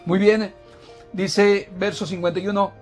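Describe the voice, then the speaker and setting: A man with a high voice preaches a sermon in a church. He keeps putting questions to the congregation and calls them brothers, repeating and restarting words as he goes. Soft music plays faintly behind him. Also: little pitch movement, unhurried.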